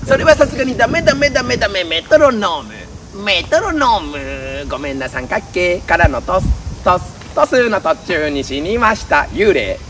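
A man, a comedian firing off quick punning one-liner gags. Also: high voice, very animated. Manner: punchy, pun-driven delivery. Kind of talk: rapid one-liner gag medley. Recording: distant mic, noisy outdoor ambience.

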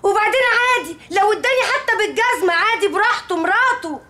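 A woman's voice: extremely high pitch, expressive, fast, pushed and bright, exaggerated voice. An actress playing a young wife with an Egyptian accent, complaining bitterly about her husband. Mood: distraught. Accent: Egyptian Arabic. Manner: whiny, emotional.

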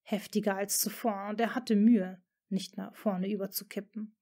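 A woman's voice: mid-range voice, flat delivery, moderate pace, dark tone. A woman reading a fan-fiction story aloud as dramatic audiobook narration.

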